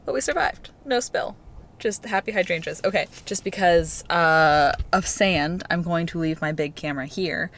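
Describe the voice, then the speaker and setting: A woman's voice: low voice, a bit bright. A young woman vlogging in a casual, chatty, rambling way, filling her talk with "like". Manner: chatty, rambling, filler "like" throughout. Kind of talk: casual vlog chat.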